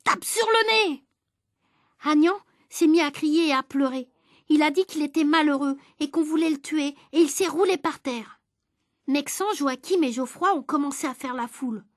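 Woman, storybook reading, high voice, dry close sound. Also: normal speed, dry recording.

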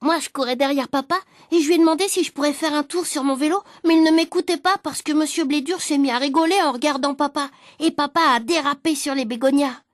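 A woman with a high voice reads a children's story aloud, narrating as a young boy in a lively, expressive way. The sound is close and dry, with no room echo. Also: fast talker, few pauses.

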